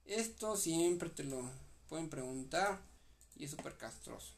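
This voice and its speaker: A man's voice: fairly high pitch, lively intonation, a little slow, creaky, a little hiss or hum. A young man with a Mexican accent, reading medical notes aloud and re-explaining them in casual slang during a study session. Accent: Mexican Spanish. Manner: reads guideline text aloud and re-explains it with slang. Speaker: medical exam study partner.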